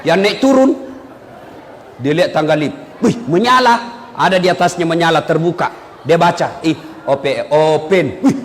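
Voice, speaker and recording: A man preaching a humorous sermon, telling stories in an animated way and shouting the punchlines. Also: fairly high pitch, unhurried. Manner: animated storytelling with loud punchlines. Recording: reverberant hall with faint background noise.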